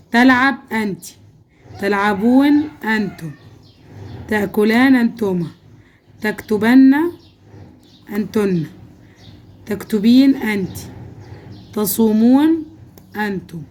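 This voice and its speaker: Egyptian woman teacher, patient and steady. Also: mid-range voice, a little hiss or hum. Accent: Egyptian Arabic. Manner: patient, checks in with "okay?" often. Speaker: Arabic teacher. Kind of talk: worksheet walkthrough lesson.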